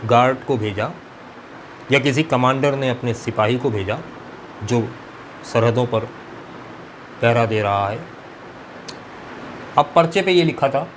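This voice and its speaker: A man teaching a lesson, taking his time over each phrase and dropping English terms into his explanation. He speaks at an unhurried pace. Air conditioning and traffic hum steadily behind him. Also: mid-range voice. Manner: slow, deliberate teaching with mixed Hindi-Urdu and English.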